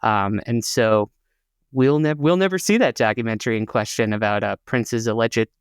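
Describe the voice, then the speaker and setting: Reading show listings aloud on a theater podcast he co-hosts, this man chats casually and informatively, peppering his speech with "uh." His voice is medium in pitch and clean at a moderate pace, with clean, dry studio sound.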